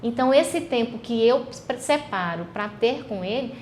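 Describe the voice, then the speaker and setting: A Brazilian woman speaks in an earnest, reflective way as a podcast guest. Her voice sits a little high. A faint hiss runs underneath. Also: lively intonation, normal speed, a little mellow. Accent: Brazilian Portuguese. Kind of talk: personal faith testimony.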